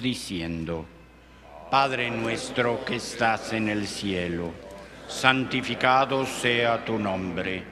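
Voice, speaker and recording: A man leading prayers at Mass in a slow, solemn, measured way, his voice ringing with cathedral echo. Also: mid-range voice. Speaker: priest. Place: large church. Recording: long church reverb with clear background noise.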